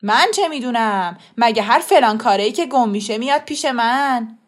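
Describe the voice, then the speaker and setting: A woman reading a storybook voices a scruffy, belligerent male caretaker who shouts hoarsely and talks rudely. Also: a little high, close to an everyday voice. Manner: rude, bullying.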